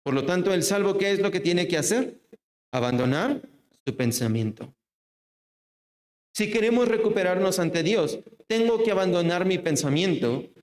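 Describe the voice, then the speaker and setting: A man with a Mexican Spanish accent preaching a sermon who asks rhetorical questions and drops low and soft for emphasis. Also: animated, moderate pace, long pauses, reverberant. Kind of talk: evangelical sermon.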